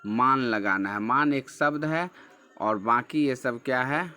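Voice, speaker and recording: A man's voice: mid-range voice, slow pace, pushed and bright. A man teaching a textbook lesson, patiently explaining, repeating key words and asking questions that he then answers himself. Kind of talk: slow classroom explanation of a textbook chapter.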